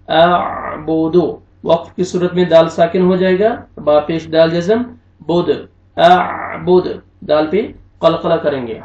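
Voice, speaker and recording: Slow, high-voiced male Quran teacher. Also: dark tone. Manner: slow syllable-by-syllable spelling with drawn-out recited words. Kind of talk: spelling out Quranic recitation lesson. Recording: echoey, distant, dull lo-fi room sound.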